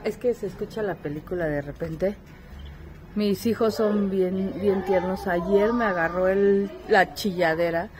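A woman, a mother and small business owner, talking softly and emotionally to her viewers in a casual home vlog. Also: medium pitch, slight background noise, rough recording. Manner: soft, emotional and heartfelt, thanking viewers. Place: home kitchen, a film playing in the background.

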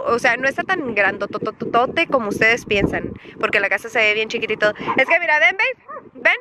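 A woman, chatting casually to her viewers as she tours her rural family property and calls out to her dogs. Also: on the high side. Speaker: vlogger. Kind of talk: casual home vlog tour. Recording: noisy outdoor recording with animals and vehicles.

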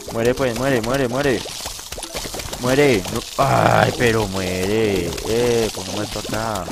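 Excitable man commenting on a game. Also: medium pitch. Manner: excitable, yells at enemies, talks to viewers. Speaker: gaming commentator. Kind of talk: let's play game commentary. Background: game music.

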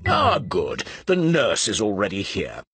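A man's voice: on the low side, wildly swooping pitch, a little slow. A man with a British accent voicing a kindly, reassuring bear doctor in a preschool cartoon. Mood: cheerful. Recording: music behind the voice.

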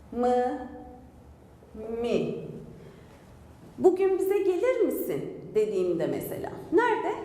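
Woman, teacher, online lesson, high voice, animated, roomy echo. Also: slight background noise. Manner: lively, asks and answers her own questions. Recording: echoey room with long reverb.

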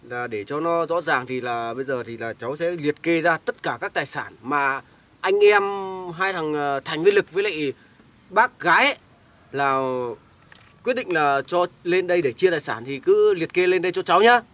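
A man's voice: on the high side, moderate pace, fairly bright tone, close to an everyday voice. A man playing a rambling village head. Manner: hedging, rambling with many fillers. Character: polite village head sorting a family's property. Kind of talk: amateur short-film acting.

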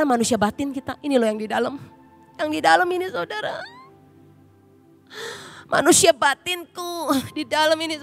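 A woman pastor preaching a sermon with emotion, often turning to her listeners. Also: high-pitched.

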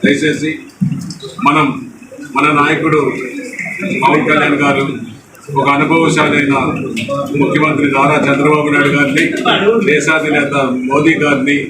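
A man's voice: fairly high pitch, monotone, moderate pace, long pauses. A man from a local Telugu party gives a formal political speech, full of honorifics and thanks, at a party office opening. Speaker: party speaker. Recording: echoey, distant, noisy news mic.

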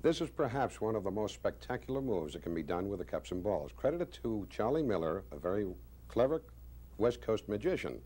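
A man in his sixties, a magician presenting a demonstration with deliberate, showman-like, wryly self-praising patter. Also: on the low side, sing-song, mellow. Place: small indoor studio stage with curtain. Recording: faint background noise.

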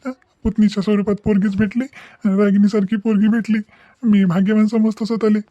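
Man voicing a worried village father in a cartoon, tender and tearful. His tone is flat and mellow, on a dull, lo-fi recording. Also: high-pitched, brisk, dry recording, close to an everyday voice. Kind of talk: cartoon voice acting.

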